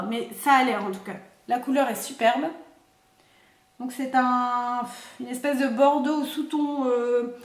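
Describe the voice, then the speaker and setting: A woman's voice: high voice, reverberant. A woman, chatting through a makeup unboxing, thinking aloud with many fillers. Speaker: beauty vlogger. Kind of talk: casual product unboxing and swatching.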